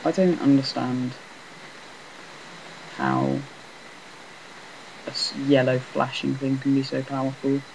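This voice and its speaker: A man casually rambling through commentary on a game he is playing, talking in a flat, self-deprecating way on a laptop mic. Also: mid-range voice, slow, vocal fry, pauses often, slight background noise, low-quality recording. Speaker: gameplay commentator.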